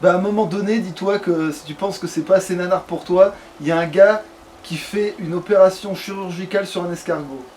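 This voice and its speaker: A man with a high, darkish-toned voice talks fairly quickly as a let's play host, casually chatting and muttering to himself with swearing while gaming. The home recording has clear background noise.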